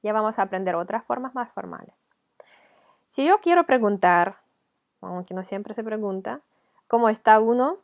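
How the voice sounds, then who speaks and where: A woman's voice: medium pitch, animated, moderate pace, long pauses. A woman with a Ukrainian accent, a teacher explaining a video lesson patiently, step by step. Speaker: language teacher.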